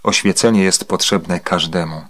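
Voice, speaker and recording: A man with a fairly low voice reads a spiritual discourse aloud. His delivery is formal, measured and solemn, and he explains each point carefully. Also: fairly even intonation, fairly bright tone. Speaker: reader of a translated spiritual discourse.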